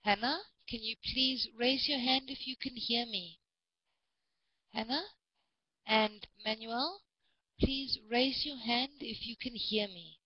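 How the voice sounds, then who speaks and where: A woman's voice: fairly high pitch, takes it slowly, dull audio. A woman from South Africa teaching English to a large online class, patient and encouraging, often repeating students' names.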